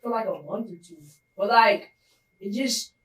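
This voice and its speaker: A woman's voice: medium pitch, normal speed, a bit bright. A young woman co-hosting a podcast, talking in a loose, casual way full of "like" fillers. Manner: loose, filler-heavy, "like" everywhere. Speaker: podcast co-host. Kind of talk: casual chat. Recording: roomy echo, distant mic.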